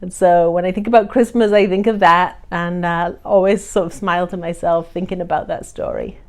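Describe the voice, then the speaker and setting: A woman's voice: on the low side, steady tone, brisk, darkish tone. A woman telling a family holiday memory in a plain, reflective way. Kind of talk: casual storytelling to family.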